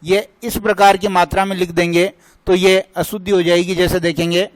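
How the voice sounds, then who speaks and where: A man's voice: high-pitched, flat delivery, normal speed, no room sound, low-quality recording. A male teacher giving a grammar lesson, drilling points by asking a question and answering it himself.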